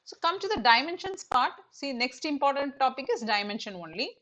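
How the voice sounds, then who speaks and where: A woman's voice: high-pitched, very animated, a little fast, a bit bright. A middle-aged woman teaching an online exam-prep lecture, explaining with many fillers and repeated "okay".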